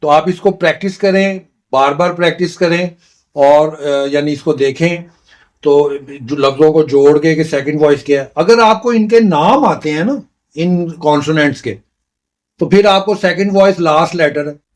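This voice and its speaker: At a normal speed, a man whose voice runs on the high side walks beginners through a language lesson. He goes sound by sound, patiently repeating each one in a slow, explanatory way.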